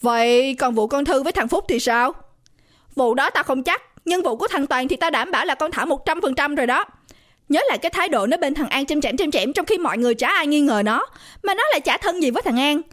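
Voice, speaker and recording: A sharp-tongued young woman sneering at a rival in a spoken ghost story, voiced by a woman narrator. Her voice is high and clipped, blunt and dismissive. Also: lively intonation, fairly quick. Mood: scornful.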